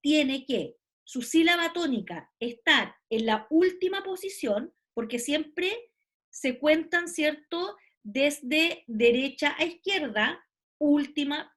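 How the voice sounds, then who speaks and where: A middle-aged woman lecturer with a high voice, speaking in a recorded online class. She explains patiently, step by step, and often pauses to check that her listeners follow. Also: expressive, fairly bright tone. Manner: explanatory, with frequent checking tags. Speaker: university lecturer.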